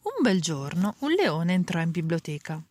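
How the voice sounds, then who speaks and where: Woman slowly reading a children's story. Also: fairly low pitch, very animated, darkish tone, no echo. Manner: slow, clear reading with voices for characters. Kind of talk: storybook read-aloud.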